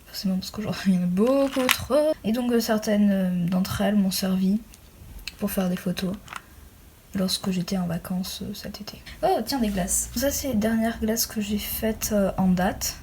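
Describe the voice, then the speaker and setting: A woman's voice: medium pitch, moderate pace, darkish tone. A young woman, chatting casually and self-deprecatingly as she shows her handmade crafts. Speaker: hobbyist crafter showing handmade doll accessories. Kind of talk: casual chatty show-and-tell. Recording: noisy home recording with clicks.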